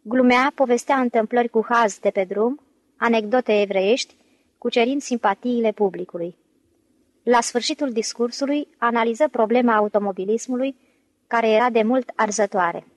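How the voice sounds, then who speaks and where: A woman with a fairly high voice reads a novel aloud as an audiobook narrator. Her delivery is lively and she lifts her voice for the shouted dialogue. The recording is close and dry, with no room sound. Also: dry recording, low-quality recording.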